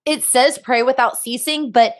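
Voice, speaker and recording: Higher-voiced woman hosting a faith show, upbeat, kind of preachy. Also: steady tone, moderate pace. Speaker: podcast host.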